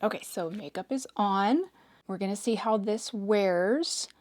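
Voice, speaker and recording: A hoarse woman in her forties chatting casually as she does her makeup, hedging with "like" and "sort of". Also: mid-range voice, measured pace, a little mellow. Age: 40s. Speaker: makeup reviewer. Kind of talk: casual chat while doing makeup.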